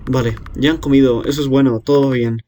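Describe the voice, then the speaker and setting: A man voicing a lonely young girl left alone to feed monsters in her cellar, reading game dialogue aloud with a hesitant, quiet delivery. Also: medium pitch, fairly even intonation, a little fast, natural voice. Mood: resigned.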